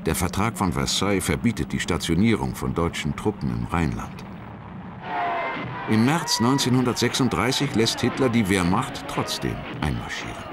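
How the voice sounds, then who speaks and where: A man with a deep voice narrates a historical documentary. He speaks in measured, scripted statements over clearly audible music. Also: very animated. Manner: short, measured declarative phrases.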